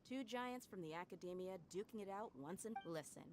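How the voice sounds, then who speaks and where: A woman's voice: medium pitch, lively intonation, brisk, noisy background, natural voice. An actress voicing a brash, tough female mercenary in a video game, speaking in a mocking, confident way. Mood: scolding.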